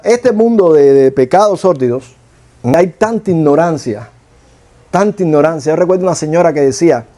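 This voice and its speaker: A man's voice: on the high side, mellow. A middle-aged man with a Cuban accent preaching a sermon, telling stories and asking rhetorical questions. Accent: Cuban Spanish.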